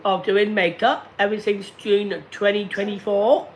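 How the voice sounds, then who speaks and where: A man in his late thirties talking slowly and deliberately to viewers on a casual live stream, repeating himself often. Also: high-pitched, level tone, slight background noise. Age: 30s. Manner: slow, deliberate and repetitive. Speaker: livestreamer.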